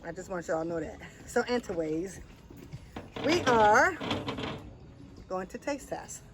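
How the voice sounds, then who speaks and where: A woman hosting a casual chat with friends, animated and laughing often, with playful drawn-out asides. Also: mid-range voice, background noise. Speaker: host.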